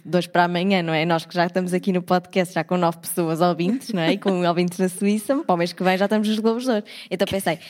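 A young woman in her twenties with a European Portuguese accent, co-hosting a podcast and telling an animated story with acted-out voices. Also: mid-range voice. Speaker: podcast co-host. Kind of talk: casual chat.

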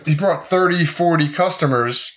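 A man's voice: a little high, moderate pace, a bit bright, lo-fi sound. A man hosting a casual podcast chat, rambling and joking. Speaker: podcast host.

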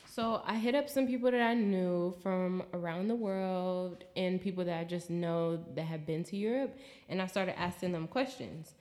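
An American woman chatting casually in a travel vlog, expressive and swearing freely, acting out her own quotes. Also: lowish voice, normal speed. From United States. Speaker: vlogger.

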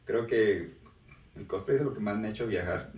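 A man's voice: lowish voice, normal speed, a little mellow, roomy sound, recorded from a distance. A man from Guatemala with a Guatemalan accent, a cosplayer guest answering questions hesitantly with laughs. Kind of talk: casual interview answers.

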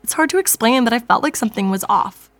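A woman's voice: a little high, animated. A woman hosting a podcast, chatting casually and reading online stories aloud in an informal, self-amused manner. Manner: chatty, informal, quick to giggle at herself. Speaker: podcast host.

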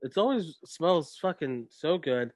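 A man's voice: fairly high pitch, expressive, unhurried, no room sound. A man co-hosting a casual podcast chat, chatty and swearing casually.

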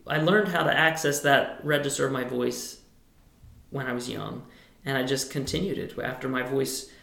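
In a roomy-sounding relaxed interview, a tenor choir director answers loosely and thoughtfully, rambling and restarting. His high tenor speaking voice is creaky, pushed and bright, at a moderate pace.

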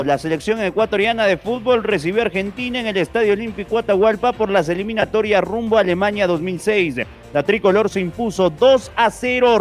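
Presentador deportivo ecuatoriano de voz aguda. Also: male voice, high voice. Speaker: sports show presenter. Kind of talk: scripted radio presenting.

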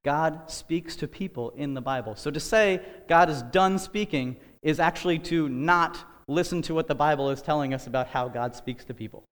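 A man's voice: on the high side, normal speed, few pauses. Earnest man preaching in a reverberant hall. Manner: earnest, conversational, with frequent fillers and asides. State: out of breath. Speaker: podcast host preaching. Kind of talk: casual sermon-style teaching.

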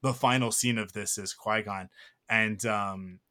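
A man's voice: fairly low pitch, fairly even intonation, unhurried, pushed and bright. Rambling, emotional male podcast host. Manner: rambling, emotional, many fillers and restarts. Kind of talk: casual podcast chat.

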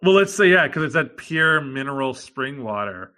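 A man's voice: medium pitch, animated, normal speed, sharp tone. A man in casual chat about a show, rambling with lots of fillers and casual swearing.

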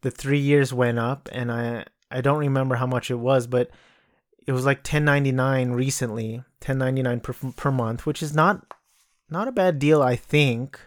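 A man's voice: medium pitch, fairly even intonation, normal speed, dry recording, clean studio sound. A man hosting a casual solo podcast from a cluttered room at home. He rambles and restarts his sentences often, with plenty of filler. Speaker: podcast host. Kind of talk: casual solo movie talk.

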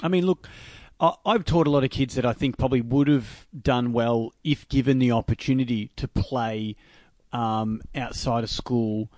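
Aussie bloke hosting a chat, slangy storyteller, mellow voice, really dry sound. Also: male voice, medium pitch, normal speed, no room sound. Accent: Australian. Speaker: podcast host and music teacher. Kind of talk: casual interview chat.

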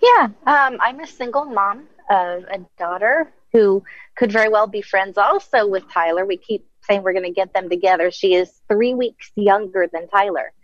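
Give me a woman from Florida talking casually about her family, with a lot of fillers. Her voice sits in a middle pitch. The audio is dull, lo-fi and dry. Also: moderate pace, dry recording. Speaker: panel guest. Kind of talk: casual chat on a panel.

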